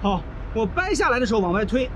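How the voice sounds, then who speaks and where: A fast-talking, very animated middle-aged trucker vlogger from China explains a truck repair step by step in a very high, fairly bright voice, with slight background noise. The casual how-to commentary is blunt and full of swearing, recorded on a body-worn action camera in an outdoor truck yard.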